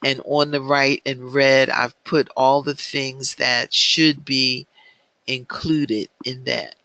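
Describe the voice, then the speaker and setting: A man teaching an online business planning class, speaking in a measured way with frequent filler ums. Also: mid-range voice, steady tone, pushed and bright, no room sound.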